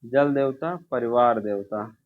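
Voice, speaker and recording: Speaking slowly at a medium pitch, a man leads an informal exam review, posing questions and answering them himself while repeating the key answers. The recording has a dull, lo-fi quality.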